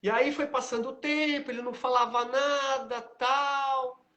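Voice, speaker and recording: A man's voice: extremely high pitch, level tone, unhurried, pushed and bright. A Brazilian man in his fifties with a Brazilian Portuguese accent, hosting a live stream and telling stories animatedly, acting out the dialogue with frequent tag questions. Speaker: host, aikido teacher.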